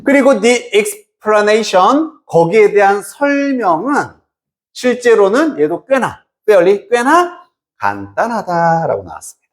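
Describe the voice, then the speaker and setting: A Korean-speaking English teacher explaining a reading passage to students. Reads English phrases slowly, translates them, and often checks in with rhetorical questions. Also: medium pitch, big pitch swings.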